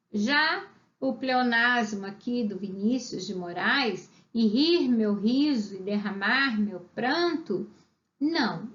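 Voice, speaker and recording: A woman teaching a literature class, chatty and lively, often checking in with her students. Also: mid-range voice, roomy sound, muffled recording. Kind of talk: online class lecture.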